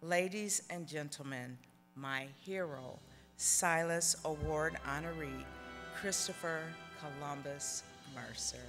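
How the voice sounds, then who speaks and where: A middle-aged woman speaks very slowly in a slightly low voice, giving a formal tribute. Her emphatic phrases carry through a reverberant hall from a podium microphone. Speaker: award presenter introducing the honoree. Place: large banquet hall stage. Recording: echoey hall PA with some music.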